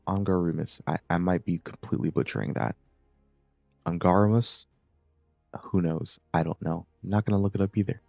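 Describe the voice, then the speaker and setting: Laid-back male gamer, low and gravelly, dark tone, casual rambling commentary over faint game music. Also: dry recording, clean studio sound. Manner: relaxed, rambling, with filler words. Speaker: gameplay commentator.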